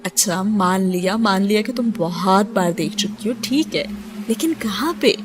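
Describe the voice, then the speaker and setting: A woman voicing a playful, teasing young male student in a romance audiobook, speaking gently and without hurry. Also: mid-range voice, music in the background, lightly acted.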